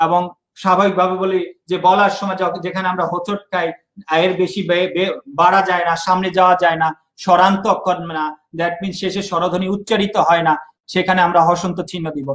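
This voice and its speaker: High-voiced man teaching online. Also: flat delivery, fairly quick, a bit bright, echoey room, low-quality recording. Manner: explanatory, repeats key points. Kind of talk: online exam-prep lesson.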